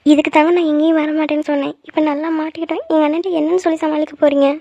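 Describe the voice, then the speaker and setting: Rapid-fire, high cartoon young woman voiced by a woman. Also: little pitch movement, mellow, dry recording. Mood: frightened. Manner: scolding, lecturing, then frightened. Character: young woman, hot-tempered friend turned peacemaker. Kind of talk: cartoon voice acting. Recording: dull lo-fi dry recording.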